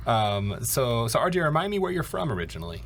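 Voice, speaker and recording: A man's voice: mid-range voice, sing-song, fast, gravelly, slight background noise. A man interviewing a colleague on a podcast, upbeat, tossing in short affirmations like "excellent", recorded in a podcast studio. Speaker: university advisor, interviewer.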